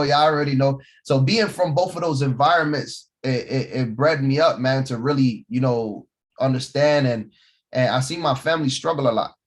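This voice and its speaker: A man, a company vice president, giving a casual motivational talk to his team about where he grew up, with many fillers and repeated words. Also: medium pitch. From born in Puerto Rico, raised in East Harlem, New York City. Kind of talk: motivational talk on a video call.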